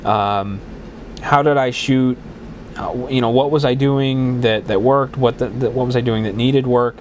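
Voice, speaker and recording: With a steady tone and measured pace, a man with a mid-range voice rambles through his solo podcast, full of false starts and fillers. He sounds congested and somewhat worn from a cold, with faint hiss or hum behind him.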